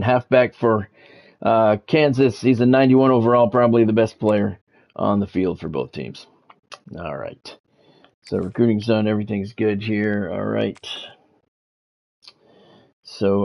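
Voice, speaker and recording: A fairly low, gravelly male voice belongs to an American streamer mixing casual talk with sports commentary. He's wry and informal with a self-deprecating edge, and the mic sound is dull and lo-fi.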